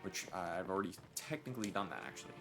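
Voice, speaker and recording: A man's voice: sits low, big pitch swings, racing, over loud music. A man streaming a game, chatting casually and jokingly to his viewers. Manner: chatty, addresses chat directly, jokey.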